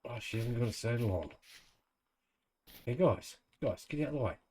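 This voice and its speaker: A man's voice: medium pitch, expressive, moderate pace, darkish tone, husky. A man with a New Zealand accent giving casual, laid-back gameplay commentary, thinking aloud in colloquial speech. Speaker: gamer narrating own let's play.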